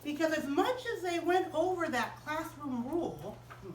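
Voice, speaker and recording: A woman tells a story to children in a chapel. She is animated and keeps asking the children questions, in a high voice. The mic sits far from her in an echoey room with faint ambience. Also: normal speed, a little hiss or hum.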